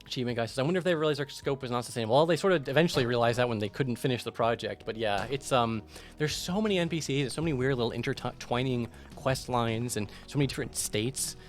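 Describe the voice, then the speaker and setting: A man's voice: mid-range voice, fast talker, few pauses, soft background music. A man streaming a video game, rambling casually about its quests with lots of fillers. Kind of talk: casual gameplay commentary.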